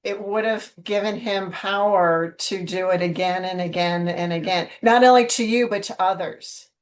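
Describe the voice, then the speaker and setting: A woman co-hosting a podcast, affirming her guest warmly in casual chat. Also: medium pitch, moderate pace. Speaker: podcast co-host.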